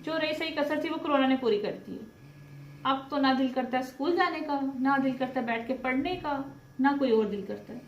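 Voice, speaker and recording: A woman's voice: sits high, a little fast, highs cut off. A chatty mother, talking casually to viewers in a vlog and mixing in English words. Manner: chatty, mixes Urdu and English. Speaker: mother and vlogger. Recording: echoey room, faint background noise.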